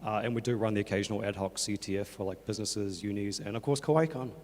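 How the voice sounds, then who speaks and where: Croaky New man in an echoey hall. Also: lowish voice, fast. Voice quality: croaky voice with creaky starts. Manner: casual, hesitant, many fillers such as "like". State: croaky from two days of talking. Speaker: conference speaker, workshop organiser. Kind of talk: informal stage presentation. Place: on stage in a conference hall. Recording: echoey hall, long reverb.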